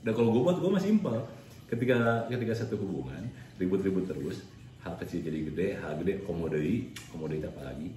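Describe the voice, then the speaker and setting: A man's voice: deep voice, animated, fast, warm tone, slight background noise. A man in a casual chat, speaking bluntly and jokingly, giving advice. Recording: echoey room, a little distant.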